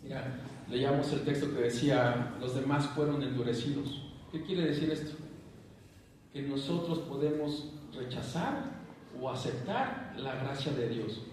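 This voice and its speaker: A man preaching a sermon as pastor, animated and questioning the congregation. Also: medium pitch, measured pace, slight background noise. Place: church hall. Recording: echoey hall, picked up from a distance.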